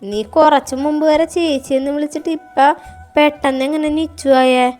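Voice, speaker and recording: A woman voicing a gruff young man who distrusts women, speaking in a curt, scolding way. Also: high voice, fairly even intonation, moderate pace, darkish tone, soft background music, pitched above the performer's own voice, close to an everyday voice.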